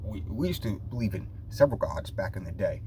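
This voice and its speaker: A man with a fairly low voice talks in a casual, meandering vlog style. He drifts along loosely and repeats phrases as he goes. There is some noise behind him. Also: lively intonation, fairly quick, dark tone, rough recording. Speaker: vlogger. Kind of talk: rambling casual chat to viewers. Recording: noticeable background noise.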